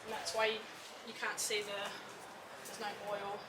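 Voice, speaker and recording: A woman's voice: medium pitch, completely flat delivery, moderate pace, distant mic. Hesitant woman heard off-mic. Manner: hesitant, full of ums and uhs. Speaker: interviewee, bike shop owner. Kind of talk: casual outdoor interview. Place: outdoor motorcycle show. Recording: echoey, off-mic with loud background noise.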